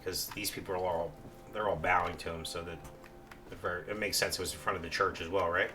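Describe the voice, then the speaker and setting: A man narrating his own gameplay in a relaxed, rambling way, full of ums and restarts. His voice is low yet bright and forward, with faint noise underneath. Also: fast talker. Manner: casual, rambling, with many fillers. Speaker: gameplay commentator. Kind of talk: let's play commentary.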